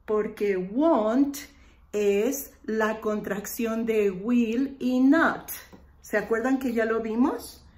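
A woman English teacher, patiently explaining grammar and slowly repeating example phrases. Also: fairly high pitch, darkish tone, roomy sound. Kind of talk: online lesson explaining grammar.

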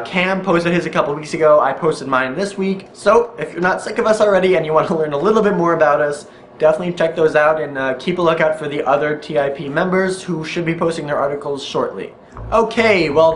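A man's voice: on the high side, fast talker, a bit bright, a little hiss or hum. A young man hosting a weekly tech news video, chatty and upbeat, joking about himself now and then. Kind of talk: casual tech news vlog. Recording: roomy echo with faint music.

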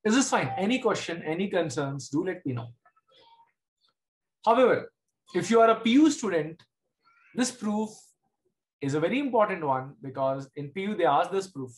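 A man's voice: high-pitched, animated, moderate pace, pauses often, low-quality recording. Casting: male maths teacher, middle-aged, Indian accent, informal live online class, frequent short check-in questions. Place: indoors at a desk, screen-share video class.

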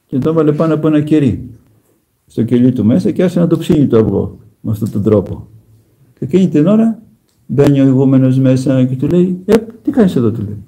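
A man preaching a conversational sermon as an Orthodox monk, telling stories with gentle humor and speaking straight to his listeners. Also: mid-range voice, rough recording. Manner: plain storytelling with gentle humor; emphatic direct address to listeners.

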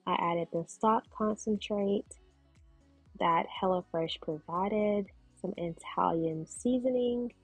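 A woman narrating her cooking video in voice-over, calmly explaining each step. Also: mid-range voice, takes it slowly, breathy edge, no room sound, soft background music. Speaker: cooking vlogger.

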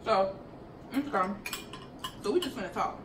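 Young female vlogger, blunt slangy chat, very animated, noisy room with clinking dishes. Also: mid-range voice, moderate pace. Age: young adult. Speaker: vlogger doing a noodle eating challenge. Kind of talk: casual chat. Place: living room sofa, indoors. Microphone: camera a few meters away. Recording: roomy, distant, noisy camera audio.

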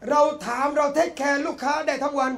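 A high-pitched man with a Thai accent preaches an impassioned Islamic sermon. He is fiery, rising to shouts and then sinking to a quiet, low delivery. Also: flat delivery, fast talker. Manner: fiery, swings from shouting to soft.

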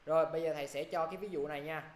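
A man with a Southern Vietnamese accent teaching an English grammar lesson. He talks briskly and keeps checking in with his students. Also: fairly high pitch, steady tone, roomy sound.

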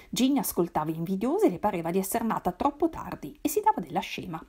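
A woman reading a novel aloud in a measured, expressive way. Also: fairly low pitch, vocal fry, slightly rough. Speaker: reader. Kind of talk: literary read-aloud.

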